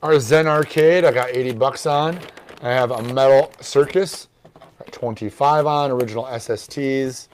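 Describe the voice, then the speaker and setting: A man hosting a record store's morning show, casually talking through records and their prices in an offhand, relaxed way. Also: medium pitch, normal speed, slight background noise.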